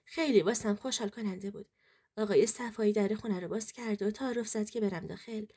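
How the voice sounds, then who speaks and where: A woman reads a first-person true story aloud. Her voice is mellow and dark, with a husky edge, and her telling is earnest and emotional. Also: mid-range voice.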